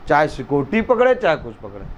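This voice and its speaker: A man preaching a fiery sermon at a home gathering, shouting and repeating lines for emphasis. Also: fairly high pitch, huge pitch swings, fast talker, highs cut off, slight background noise.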